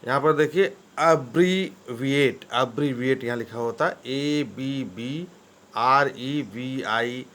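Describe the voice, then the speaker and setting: A man's voice: mid-range voice, slow, fairly bright tone. Man teaching English vocabulary. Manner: spells words letter by letter, often asks "ठीक है ना?". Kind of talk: vocabulary lesson.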